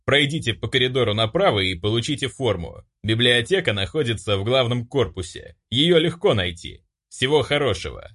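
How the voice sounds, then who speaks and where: A man voicing a formal academy rector in an audiobook, speaking in a measured, official manner. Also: mid-range voice, animated, fairly bright tone, husky. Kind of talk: audiobook character voice.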